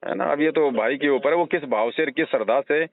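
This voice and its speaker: A man with a slightly high voice speaks fairly quickly, earnestly explaining devotional advice to a devotee over the phone through everyday analogies. He is a religious counsellor. The sound is a narrow, tinny phone line.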